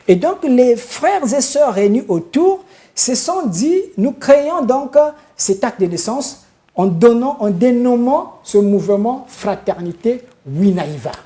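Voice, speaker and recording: Answering questions in a studio interview, this Congo-Brazzaville spiritual leader preaches solemnly and often stops on hesitant fillers. His mellow voice is very high and very animated.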